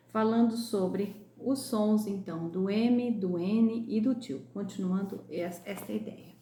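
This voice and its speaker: A woman from Brazil teaching young pupils in a recorded class lesson, sounding out words slowly and clearly. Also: medium pitch, dark tone, roomy sound. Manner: slow, clear, drawn-out pronunciation of sounds. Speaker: primary school teacher.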